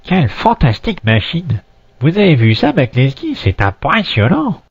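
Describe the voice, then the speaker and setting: Man acting cartoon scientist sidekick, high husky voice, childlike, wildly animated. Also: measured pace, dull audio, heavily acted. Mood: enthusiastic. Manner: eager, gushing.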